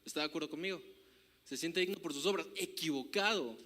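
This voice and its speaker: Mexican pastor guy preaching, high bright voice, loud bursts, lots of call-outs to the church. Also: brisk. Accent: Mexican Spanish. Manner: emphatic preaching, rising to loud declarations; asks the congregation for agreement. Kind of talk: sermon. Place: church hall. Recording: live hall reverb.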